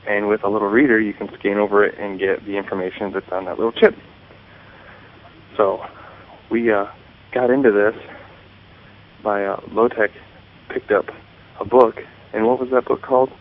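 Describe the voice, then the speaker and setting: A man's voice: fairly low pitch, steady tone, normal speed, long pauses. An American man hosting a tech radio show, explaining things in a casual conversational way. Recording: tinny phone-like audio, faint hiss.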